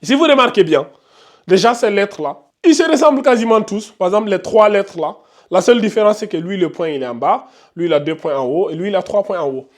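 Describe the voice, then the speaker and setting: Patient teacher, higher-pitched man. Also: animated, fast. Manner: repetitive, patient, thinks aloud with fillers. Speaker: Arabic and Quran reading teacher. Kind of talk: online lesson, writing on a board while explaining.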